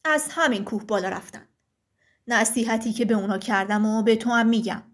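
A woman voicing a huge stone giant who gives slow, solemn warnings in a thick deep voice. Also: lightly acted. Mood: stern warning.

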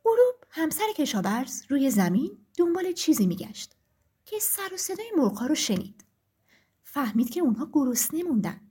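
A woman narrating a children's farm story in an expressive, sing-song reading style. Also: sits high.

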